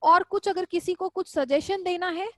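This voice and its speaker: A woman with a high, bright-pitched voice teaches zoology in a live online class. She talks in a chatty, affectionate way and keeps repeating questions back to her students. The sound is dry and close, with no room around it. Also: normal speed, no echo. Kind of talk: live online class, casual Hindi lecturing.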